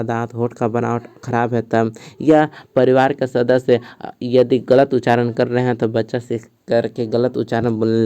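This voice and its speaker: A teacher gives an exam-prep lesson in Hindi mixed with English terms, reading from a textbook and then explaining it again in simpler words. He often checks in with "theek hai." His voice is medium-pitched, warm and smooth.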